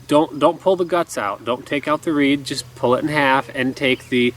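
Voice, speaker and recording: A man's voice: medium pitch, normal speed, a bit bright. A man in his thirties giving a casual, easygoing instructional talk in an explanatory way. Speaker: duck call instructor. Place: outdoors in a garden by woods. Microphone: camera a few feet away. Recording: outdoor camera audio with background noise.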